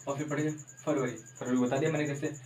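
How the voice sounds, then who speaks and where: A man's voice: mid-range voice, little pitch movement, fast talker, a little mellow. A man runs a casual home-made lesson, spelling words out letter by letter and going over each point again. He sits at some distance from the mic in an echoey room, with a faint hiss underneath. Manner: chatty, spells words out letter by letter, repeats himself. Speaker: online tutor.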